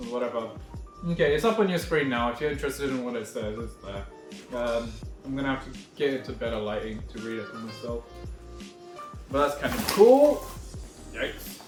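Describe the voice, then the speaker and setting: Man filming himself on a phone, echoey room. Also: medium pitch. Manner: rambling, wry, self-correcting. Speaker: vlogger unboxing a backpack. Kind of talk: casual unboxing walkthrough. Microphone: phone recording himself. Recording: echoey room on a phone mic, faint music behind.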